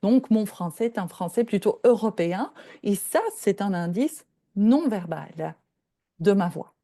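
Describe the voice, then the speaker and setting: With a medium-pitched, mellow voice, this older professor from Belgium lectures a little slowly and expressively, walking through each point in turn. She frequently checks that her audience is following. There's no room sound, just clean studio audio.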